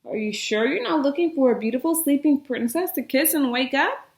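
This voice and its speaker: A woman's voice: high voice, brisk, reverberant. A woman voicing a nosy, suspicious witch in a storybook reading. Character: nosy, spell-casting fairy-tale witch, suspicious of princes.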